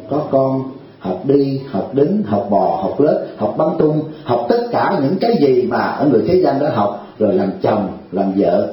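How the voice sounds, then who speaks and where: Man preaching in a booming echoey hall. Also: highs cut off. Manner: chatty, humorous, keeps asking the audience "right?". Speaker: Buddhist monk teacher. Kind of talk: sermon at a retreat. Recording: heavy hall echo.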